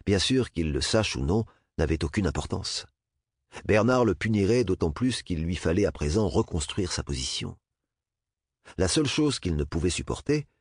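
A man narrating a novel as an audiobook in a measured, expressive way. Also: low voice, slightly rough, dry recording, studio quality. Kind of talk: audiobook reading.

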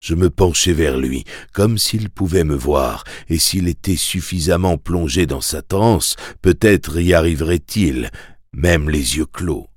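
A man narrating a story in the first person in a measured, grave way, for an audiobook. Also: a bass voice, slightly rough, no echo, clean studio sound.

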